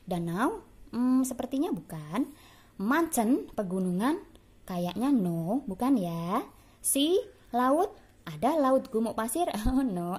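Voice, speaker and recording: A woman's voice: mid-range voice, a little mellow, breathy edge. A woman teacher with an Indonesian accent giving a bilingual English lesson to young pupils, repeating words for them to copy and calling them dear. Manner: affectionate, calls pupils dear. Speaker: primary school English teacher.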